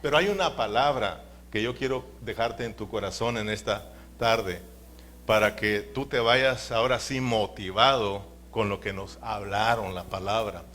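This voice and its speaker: A man's voice: lowish voice, a little slow, a bit bright, a little hiss or hum. A man preaching a sermon in a church, emphatic, calling his listeners brothers and asking them to repeat after him.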